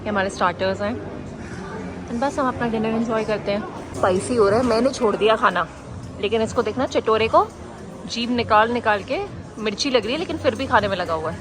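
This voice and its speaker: A woman's voice: on the high side, fairly quick, crowd noise. A woman in her thirties from India, chatting casually to viewers as she films her family vlog on a handheld phone. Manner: chatty, relaxed, addresses viewers directly. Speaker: family vlogger, mother of two. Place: out and about: streets, restaurant, café, home. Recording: vlog audio with clear background noise.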